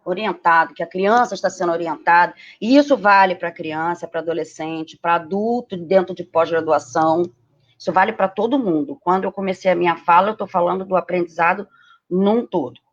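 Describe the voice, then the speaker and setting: A woman with a Brazilian Portuguese accent giving a live-stream lecture, lively and explanatory, often checking in with tag questions. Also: lowish voice, fairly quick. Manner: animated, frequent tag questions, acts out quoted voices. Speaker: host giving a lecture on learning. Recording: dull lo-fi live-stream audio.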